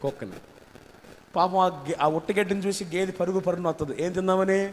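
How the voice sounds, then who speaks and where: This pastor's voice is high-pitched and fairly quick, with slight background noise under the reverberant church-hall sound. In his sermon he builds intensity through rhetorical questions and calls on the congregation to echo his phrases back.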